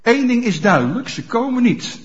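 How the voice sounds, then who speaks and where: A pastor preaching a sermon in a church, speaking straight to the congregation with frequent rhetorical questions. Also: male voice, very high voice, moderate pace. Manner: animated, addresses congregation directly with rhetorical questions. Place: church hall. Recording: dull lo-fi church recording.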